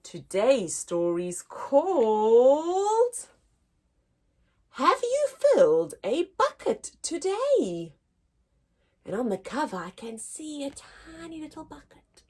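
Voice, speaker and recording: In a high-pitched voice, a woman reads a picture book aloud at a kids' story time. She addresses the young listeners expressively and deliberately, the way a teacher would.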